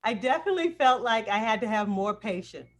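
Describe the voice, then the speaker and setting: A fast-talking woman with a fairly high, expressive voice leads an informal live question-and-answer talk as a director and acting coach. It happens over a noisy video call with clicks.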